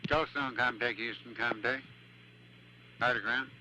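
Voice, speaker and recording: A man's voice: mid-range voice, fairly even intonation, measured pace, pushed and bright. A man working as a communications controller, giving clipped check calls over the radio like a pilot. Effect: radio transmission. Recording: very noisy, beeping radio loop.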